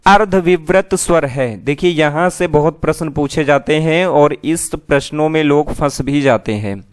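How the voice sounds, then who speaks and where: A man's voice: fairly high pitch, unhurried, clean tone, dry recording, clean studio sound. A man teaching an exam-prep lesson who asks his students questions and then answers them himself.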